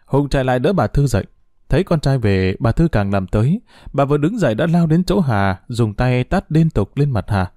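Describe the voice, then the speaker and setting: This is a male narrator spinning a tale with energy and expression, at a moderate speed. His pitch varies a lot, and the close, dry recording carries no room sound.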